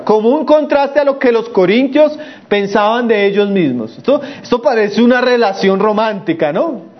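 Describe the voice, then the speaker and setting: A male preacher with a notably high voice delivers an emphatic sermon. He sinks his voice low to stress a point and slows to a crawl when reading scripture. The recording is dull and lo-fi. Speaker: pastor. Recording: muffled lo-fi recording.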